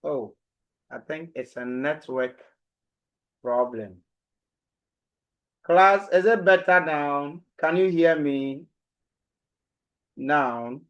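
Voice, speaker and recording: A man's voice: fairly high pitch, drawn-out words, pauses often, muffled recording. A man teaching an online class over a call that keeps dropping out, so his voice breaks up as he asks the students whether they can hear him. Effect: call audio breaking up and dropping out.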